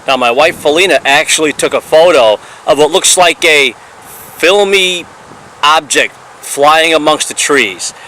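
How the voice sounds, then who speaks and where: A man's voice: fairly high pitch, expressive, measured pace, bright, forceful tone, slight background noise, low-quality recording. A man narrating his paranormal investigation as a voice-over, earnest and explanatory, building up each finding.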